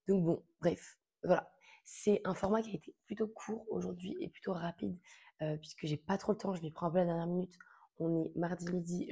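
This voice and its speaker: A woman's voice: fairly low pitch, gravelly, warm tone, husky. A young woman chatting casually to camera about books she wants to read, informal and full of fillers. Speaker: book vlogger.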